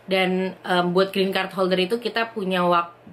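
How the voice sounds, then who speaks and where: A young Indonesian woman vlogs from home, reading viewer questions aloud and answering them in casual chat. Her medium-pitched voice is lively and chatty, coming in quick bursts, with a little hiss or hum in the background.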